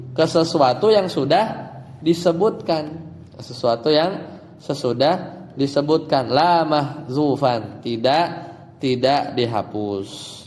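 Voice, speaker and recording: A man's voice: medium pitch, a little mellow, big-room sound. A man teaching an Arabic grammar lesson in a casual style, explaining step by step and asking his students rhetorical questions. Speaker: Islamic teacher.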